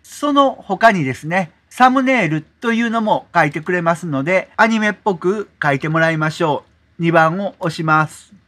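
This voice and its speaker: A man hosting a software tutorial, explaining step by step in a polite manner, often adding 'desu ne' as filler. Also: high voice, lively intonation, moderate pace. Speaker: tutorial host. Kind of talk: screen-recorded software tutorial.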